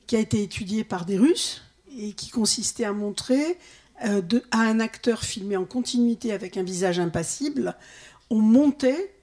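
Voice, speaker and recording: A woman's voice: mid-range voice, lively intonation, moderate pace, dark tone. A woman film scholar giving an explanatory comment from the audience during an academic discussion.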